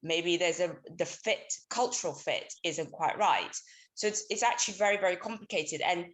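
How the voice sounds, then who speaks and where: A woman's voice: lowish voice, moderate pace, a bit bright. Hesitant woman caller from Somalia. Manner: hesitant, many ums and restarts. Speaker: audience caller. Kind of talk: casual remote question.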